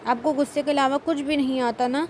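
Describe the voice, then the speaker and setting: A woman's voice: high-pitched, fairly even intonation, a little mellow, slight background noise, close to an everyday voice. A woman voicing a playful, stubborn young wife who pleads and sulks in a storybook reading. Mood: upset.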